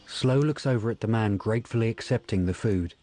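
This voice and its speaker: A man reading scripted audio description for a film in a measured, descriptive manner. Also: lowish voice, warm tone, faint music behind.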